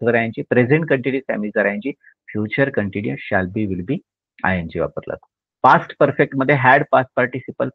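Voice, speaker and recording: Gravelly-voiced man teaching grammar. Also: mid-range voice, no room sound. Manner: recites tense endings in quick drilled lists; slowly dictates example sentences word by word. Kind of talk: lecture. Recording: dry, tinny phone-like sound.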